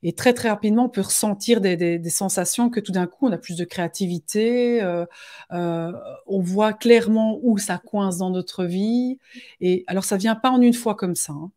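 A woman's voice: mid-range voice, normal speed, dark tone. A woman with a Belgian French accent, a guest explaining things in a chatty way with many hesitations and restarts. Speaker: guest speaker on animal guides and card readings. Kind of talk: casual live workshop talk.

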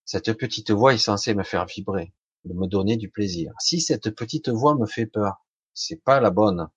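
A man's voice: lowish voice, moderate pace, breathy edge, no room sound, muffled recording. A man giving an informal motivational talk straight to the listener, colloquial and blunt, with mild swearing.

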